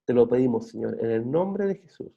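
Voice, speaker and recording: Heard through phone-quality sound, a Chilean pastor with a gravelly mid-range voice preaches fairly quickly in church. He is earnest and steady, restarting often and using fillers, and finishes the sermon with a prayer.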